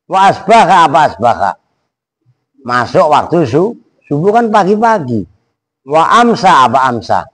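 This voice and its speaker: A man teaching a kitab at an Islamic boarding school, reading slowly word by word and teasing his students. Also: on the high side. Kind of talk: casual classroom teaching of Arabic rhetoric.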